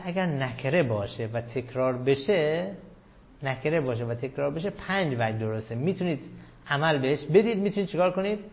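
A man teaching a grammar class. He reads quoted lines slowly and loudly, questions the students and calls them "sir" and "dear". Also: fairly high pitch, lo-fi sound. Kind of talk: classroom lesson, reading a text aloud and explaining it.

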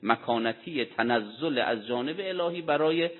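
A man's voice: medium pitch, expressive. Man lecturing over a tinny, echoey line. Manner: poses rhetorical questions and answers them himself; deliberate, explanatory delivery with Arabic quotations. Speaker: religious lecturer. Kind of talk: Quran commentary lecture. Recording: tinny phone-like sound with long hall reverb.

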